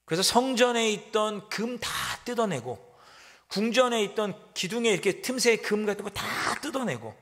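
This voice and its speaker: Male pastor, sermon, somewhat high voice, dramatic swings from loud to whispered, long church hall reverb. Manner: dramatic preaching that swings from loud exclaiming to hushed, whispered asides. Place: church sanctuary.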